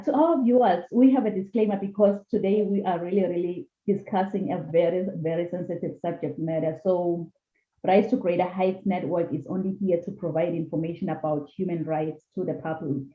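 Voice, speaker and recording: Upbeat woman host on an echoey call. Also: fairly low pitch. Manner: upbeat, welcoming, formal reading of a disclaimer. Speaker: podcast host. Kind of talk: online talk show hosting. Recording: echoey, tinny phone-like call audio.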